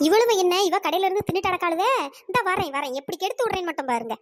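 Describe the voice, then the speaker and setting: A woman doing shrill squeaky cartoon village women. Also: lively intonation, very fast, no room sound, studio quality. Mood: cheeky. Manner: teasing, quarrelsome village banter. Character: group of scheming village women customers, cheeky and loud. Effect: pitched-up voice. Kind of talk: cartoon voice acting.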